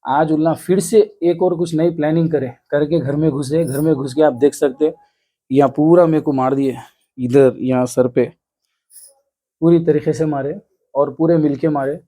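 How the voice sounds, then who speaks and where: A man in his thirties with a Hyderabadi accent, giving an earnest, halting news interview. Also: fairly high pitch, fairly even intonation, dark tone. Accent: Hyderabadi Hindi. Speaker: interviewee, complainant. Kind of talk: news interview, recounting an attack.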